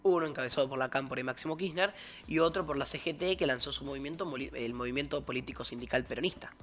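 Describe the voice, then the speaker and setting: A man's voice: mid-range voice, quick pace, fairly bright tone. A man with an Argentine accent, a guest analyst explaining politics in casual discussion, often restarting and correcting himself.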